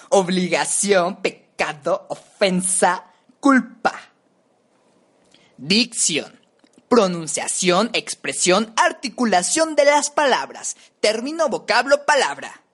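A woman from Mexico, a radio announcing student, reading synonym lists aloud and shifting her tone from word to word. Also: mid-range voice. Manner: slow, deliberate, shifting tone word by word.

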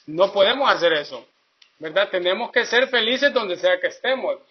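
Male preacher, high-pitched and chatty, on a muffled lo-fi recording. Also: animated, normal speed. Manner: folksy, tells jokes, keeps asking "¿verdad?". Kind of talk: sermon. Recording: dull lo-fi recording.

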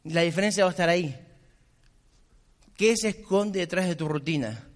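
A middle-aged man with a Rioplatense Argentine accent delivers a motivational business talk in a high voice. He is emphatic and insistent, hammering points through repetition. His voice carries a long reverb tail from a large convention hall. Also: normal speed. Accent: Rioplatense Argentine Spanish. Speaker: motivational speaker.

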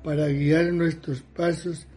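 A man leading recited liturgical morning prayer in a solemn, measured way, as a prayer leader. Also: fairly high pitch, flat delivery. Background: soft music.

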